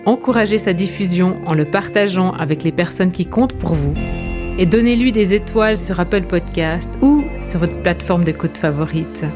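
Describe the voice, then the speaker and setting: A woman's voice: lowish voice, moderate pace, music in the background. A woman, a podcast host and communication coach, reading a scripted poetic monologue in an intimate, questioning tone that speaks straight to the listener.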